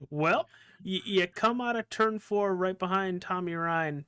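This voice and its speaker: Easygoing race broadcaster, higher voice. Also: male voice, slow, bright, forceful tone, clean tone, dry recording, studio quality. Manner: casual, friendly, calls drivers pal and dude. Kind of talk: post-race interview hosting.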